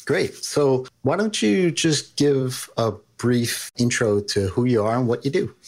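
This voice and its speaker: A man's voice: mid-range voice, measured pace, darkish tone. Man, New York accent, podcast host, upbeat, interview style. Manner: upbeat, promotional.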